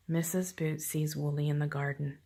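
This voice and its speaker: An older woman reads a children's story aloud at home in a hushed, half-whispered voice. Her voice is soft and husky, and sits fairly low for a woman. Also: little pitch movement, moderate pace. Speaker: grandmother reading to a grandchild.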